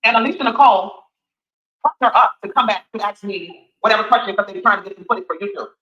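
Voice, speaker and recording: A woman's voice: mid-range voice, quick pace, sharp tone, echoey room, lo-fi sound. A woman in her sixties, a candidate answering interview questions in an emphatic, repetitive, defensive way. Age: 60s. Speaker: city council candidate.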